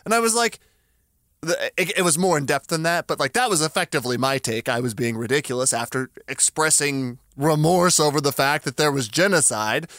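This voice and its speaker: A young man with a fairly high, bright voice trades flippant, sarcastic banter on a casual podcast. The sound is dry and close, with no room echo. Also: a little fast. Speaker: podcast co-host.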